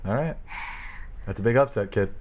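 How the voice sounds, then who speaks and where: A man's voice: lowish voice, moderate pace, darkish tone, slight background noise. A man casually quizzing his young daughter at home, asking questions patiently and teasing her. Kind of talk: casual home video chat.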